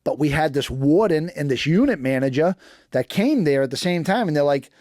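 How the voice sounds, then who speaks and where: Animated Boston man telling stories. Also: on the high side, a little fast, no echo, studio quality. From East Boston, USA. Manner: animated storyteller acting out dialogue, frequent fillers. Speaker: guest, former prisoner. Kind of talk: podcast interview storytelling.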